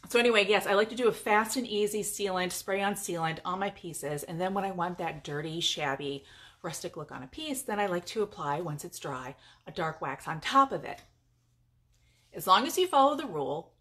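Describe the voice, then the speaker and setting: A woman's voice: fairly low pitch, lively intonation, normal speed, a bit bright. A middle-aged woman from California, chatting upbeat and casually to her viewers during a live-stream demonstration in her home garage. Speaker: furniture painter and paint business owner.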